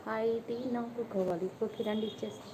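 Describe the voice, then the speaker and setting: A woman's voice: on the high side, fairly even intonation, a little fast. Chatty woman live-streaming over background noise. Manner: chatty, greets viewers and reads their comments aloud, playful teasing. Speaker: vlogger hosting a live stream. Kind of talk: casual live-stream chat.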